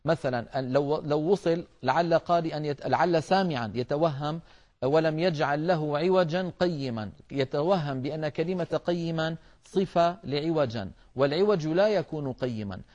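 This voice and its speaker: A man gives a careful recitation lesson, explaining each rule step by step and addressing his listeners as brothers. His voice sits a little high. The recording sounds dull and lo-fi. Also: moderate pace, darkish tone. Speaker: Quran recitation teacher. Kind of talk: tajweed lesson.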